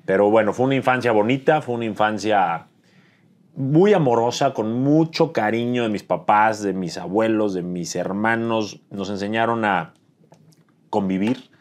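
A man in his thirties with a Mexican Spanish accent, an interview guest talking reflectively about his life and pausing to search for words. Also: lowish voice. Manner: thoughtful, searching for words with fillers. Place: dim studio set with dark curtains.

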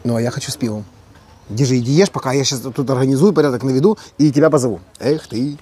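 A man's voice: mid-range voice, fast talker, dark tone, husky. Man with a playful Odesa Russian accent. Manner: playful, colloquial, uses diminutives and slang. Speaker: home cooking vlog host. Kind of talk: casual banter while cooking. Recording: outdoor ambience with birdsong, background noise. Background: birds chirping.

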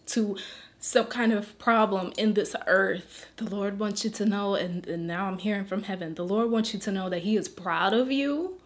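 A woman beauty influencer speaking in an earnest, pleading faith vlog, holding back tears and dropping into soft whispers. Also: medium pitch.

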